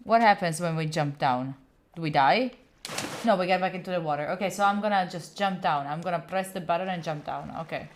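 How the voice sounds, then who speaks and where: Talking fairly quickly in a fairly low voice, with slight background noise, a young woman from Italy chats with her stream viewers while playing a game. Her Italian accent is clear, and she keeps talking to chat and breaking into sudden squeals cheering on her character.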